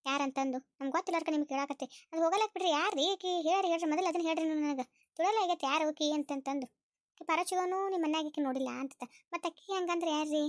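A prying village neighbour woman, put on by a woman in a comic skit. Her voice sits very high, and she fires off her questions quickly. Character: nosy middle-aged village neighbour woman.

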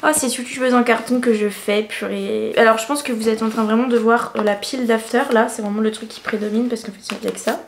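A woman's voice: on the high side, fairly even intonation, fast talker, hardly any pauses, slight background noise. Chatty young woman, echoey room. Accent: self-described odd accent. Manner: chatty, self-mocking, slangy. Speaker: YouTuber. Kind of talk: casual face-cam favorites vlog. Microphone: camera mic, face cam.

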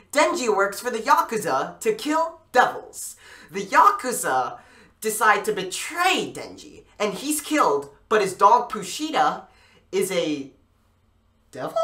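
Excitable YouTuber with a lively, swooping pitch. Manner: excitable, gushing, with frequent restarts; shouts in bursts of excitement. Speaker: YouTube reaction host. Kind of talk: trailer reaction video.

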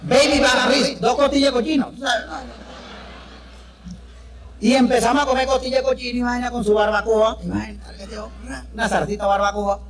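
Speaking at a moderate pace in a steady tone, this man has an extremely high pitch and a Venezuelan accent. He does brash, crude stand-up in front of a live audience, chatting and telling stories with the crowd, whose noise can be heard.

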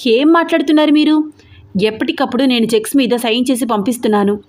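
A woman's voice: on the high side, brisk, lightly acted. A woman doing an angry young boss. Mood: angry shouting. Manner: shouting, indignant. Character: hot-tempered young male company boss.

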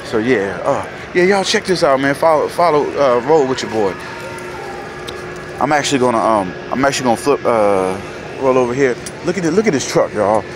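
A man from North Carolina, a truck driver casually vlogging to viewers in an animated, folksy way. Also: mid-range voice, brisk, noisy background. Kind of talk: casual vlog talk to viewers. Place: truck stop, indoors and outdoors in the lot.

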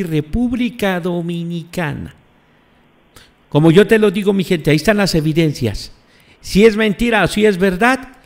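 A man hosting live commentary on earthquakes, emphatic, repeating phrases and putting questions to his audience. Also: high-pitched. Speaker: host.

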